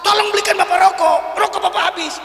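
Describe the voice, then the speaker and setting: A preacher playing a bossy rich boss. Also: male voice, very high-pitched, little pitch movement, moderate pace, gravelly, bright, forceful tone, heavily acted. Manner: bossy, calling out. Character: rich, demanding male boss calling his servant. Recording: echoey hall with long reverb.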